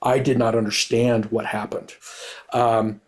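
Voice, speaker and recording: A man's voice: mid-range voice, flat delivery, a little slow. A middle-aged man speaking with candor, a retired cop who rambles and restarts his sentences. His voice sits in an ordinary middle register, and his delivery is earnest and unpolished. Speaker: guest, retired police officer and author. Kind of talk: candid conversational storytelling.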